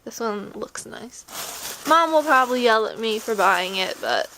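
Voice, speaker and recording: Woman vlogger, under the weather: congested nose, sore throat, slightly high voice, unhurried casual delivery. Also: animated, slight background noise, poor audio. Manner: rambling, soft-hearted talk to pets and objects. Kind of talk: casual chat to camera, sick day vlog. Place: at home in a bedroom.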